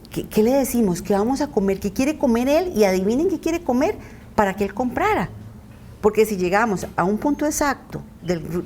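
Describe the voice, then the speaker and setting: A woman's voice: on the high side, darkish tone, a little hiss or hum. Woman telling her story. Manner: earnest, recounting, often acting out quoted voices. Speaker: interview guest. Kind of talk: personal testimony in a podcast interview.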